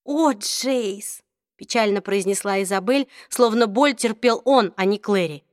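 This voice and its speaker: A woman's voice: mid-range voice, moderate pace, no room sound. Woman reading an audiobook, dry close sound. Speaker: audiobook narrator. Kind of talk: scripted audiobook narration.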